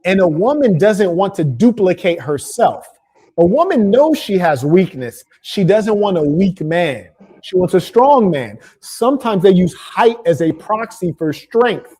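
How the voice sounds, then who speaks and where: A high-pitched man hosts a heated call-in debate. He lectures in a dismissive way and talks over the caller again and again. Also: sing-song, measured pace, a little mellow, breathy edge. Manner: lecturing, dismissive, keeps interrupting. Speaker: debate show host.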